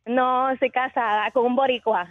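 A woman's voice: on the high side, steady tone, moderate pace, narrow, tinny audio. Cheerful Ecuadorian woman caller.

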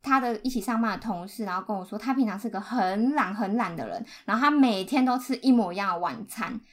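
A woman's voice: medium pitch, lively intonation, quick pace. A woman with a Taiwanese accent telling personal stories in a casual podcast chat.

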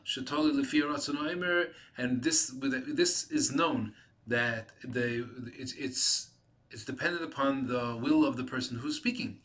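Man teaching a text, bright voice. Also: mid-range voice. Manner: halting, repeats and restarts words while translating. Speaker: Torah teacher. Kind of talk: reading a Hebrew text and translating it line by line.

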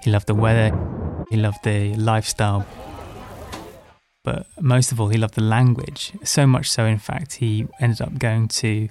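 Young man raised in Hong Kong, low voice, candid self-mocking storyteller, faint music underneath. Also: a little slow. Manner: candid, self-mocking, lively when recalling. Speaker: podcast guest storyteller. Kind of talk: casual personal storytelling.

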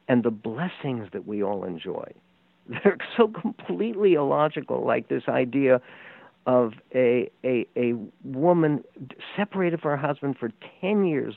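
A man telling his family's history in an earnest, halting way, full of fillers and restarts. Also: mid-range voice, vocal fry, dry recording. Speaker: storyteller. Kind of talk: personal family story. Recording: tinny phone-like, dry.

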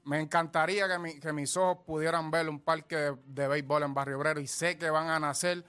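Earnest Puerto Rican man, slightly high. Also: steady tone, brisk, pushed and bright, smooth, faint music behind. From Puerto Rico. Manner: earnest, heartfelt. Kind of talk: heartfelt on-air appeal.

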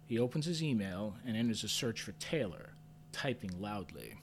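A man narrating a story in first person with a measured, understated delivery, lifting sharply when his character asks questions. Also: fairly low pitch, animated, a little hiss or hum. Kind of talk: audio drama narration.

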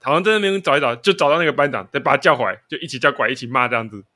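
A man's voice: medium pitch, rapid-fire, bright, forceful tone. A man with a Taiwanese Mandarin accent, co-hosting a casual chat show and telling stories with frequent laughter. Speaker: podcast co-host.

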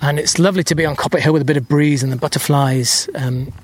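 A storyteller narrates as he walks the countryside outdoors. His voice sits a touch high for a man. He muses aloud, hesitant and full of pauses, and sounds a little out of breath from the climb. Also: steady tone, slightly rough. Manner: musing, hesitant with many fillers.

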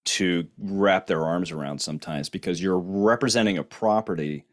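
A man's voice: sits low, moderate pace. A man hosting a conversational interview, playful and prone to restarts and fillers. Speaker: podcast host.

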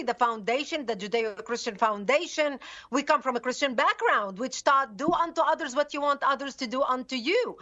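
A woman's voice: high-pitched, pushed and bright, dull audio. A woman from Lebanon, a guest in an interview, telling her story earnestly and with emphasis.

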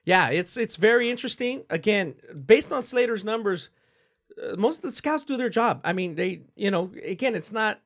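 A man with a slightly high voice and a bit of a cough co-hosts a sports podcast. He chimes in with quick agreement and gives animated takes in casual conversation. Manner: quick affirmations, animated opinions. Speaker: podcast co-host.

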